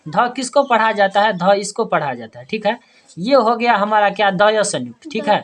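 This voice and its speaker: A woman teacher explaining word meanings and spelling out words slowly, syllable by syllable, with frequent checking questions. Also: mid-range voice, animated. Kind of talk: classroom lesson.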